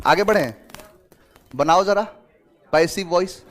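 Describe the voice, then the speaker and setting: A man's voice: sits high, slow. A man teaching English vocabulary to students, explaining in Hindi mixed with English terms and asking them questions. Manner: lively and talkative, gives everyday examples. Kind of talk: online exam-prep class.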